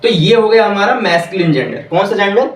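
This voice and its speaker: A man teaching English grammar in a classroom, repeating each point slowly and quizzing the listeners. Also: sits high, animated. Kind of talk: classroom lesson. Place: classroom with whiteboard. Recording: echoey room, voice from far off.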